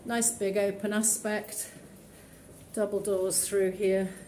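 Speaking slowly in a level, slightly mellow voice of medium pitch, a woman leads a phone-filmed tour of an empty, rundown townhouse, matter-of-factly highlighting what it offers. She's an estate agent, walking as she records. Slight background noise and faint ambience accompany the echo of the empty rooms.

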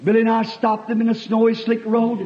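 A man preaching a sermon with impassioned, drawn-out storytelling, heard on an old archive recording. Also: very high voice, completely flat delivery. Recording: dull lo-fi archive tape.

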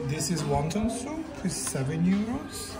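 A man's voice: high-pitched, very animated, unhurried, a loud crowd. A man in his forties chatting as he guides a food tour, eager and talkative. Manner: enthusiastic, chatty. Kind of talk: casual food tour chat. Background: music.

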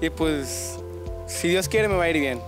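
A teenage boy from Texas speaks shyly and politely into a handheld mic on a TV studio stage. His voice sits fairly high for a young man. Studio music plays behind him. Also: expressive, a little slow. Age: teens. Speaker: contestant. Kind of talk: contestant intro voice-over and stage replies.

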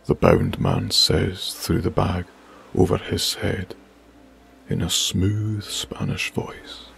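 A man narrating a bedtime sleep story in a soft, hushed, breathy manner. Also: low voice, big pitch swings, slow pace, slight background noise.

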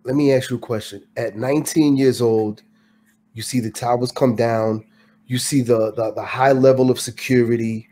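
A man's voice: medium pitch, fairly even intonation, normal speed, dark tone, slight background noise. A man from the Dominican Republic hosting a casual interview, speaking emphatically and repeating his phrases for effect. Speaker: podcast host. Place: home studio indoors. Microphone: studio mic with headphones.

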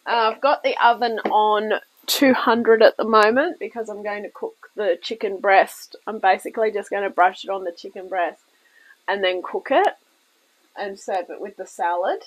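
A woman's voice: mid-range voice, normal speed, poor audio. A woman hosting a home cooking show, talking viewers through a recipe step by step in a chatty, reassuring way, still a little weak from illness and coughing now and then, recorded at a kitchen table. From New Zealand. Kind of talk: casual cooking demonstration.

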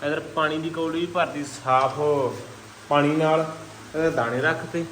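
A man's voice: on the high side, steady tone, normal speed, fairly bright tone. A man with a Punjabi accent chatting casually as a pigeon-keeping vlogger, often coaxing his birds with repeated calls and endearments. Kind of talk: casual vlog chat. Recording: noisy handheld recording with ambient sounds.

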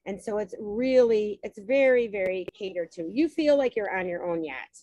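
A woman's voice: mid-range voice, animated, normal speed, dark tone, dry recording, highs cut off. A woman hosting a travel webinar on a video call, talking through a shared screen in a chatty way with many ums and restarts. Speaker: host presenting travel packages. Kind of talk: webinar presentation while sharing screen.

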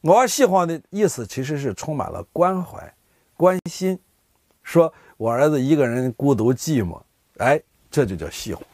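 A man's voice: fairly high pitch, moderate pace, no room sound, clean studio sound. A man, casually explaining local words to his viewers and acting out everyday examples. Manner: animated, often voices everyday speakers in examples. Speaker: vlogger explaining dialect words. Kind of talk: casual explanatory talk to camera.

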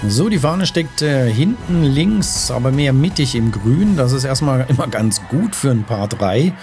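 A man's voice: mid-range voice, lively intonation, unhurried, darkish tone, soft background music. A man giving casual let's-play commentary, thinking aloud and deliberating to himself as he plays. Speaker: gaming host. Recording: faint background game noise. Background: golf game ambience.

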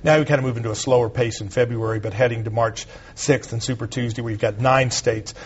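A man giving quick, assertive political analysis on a TV panel. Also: mid-range voice, steady tone, slightly rough, muffled recording. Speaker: conservative talk show host, panelist.

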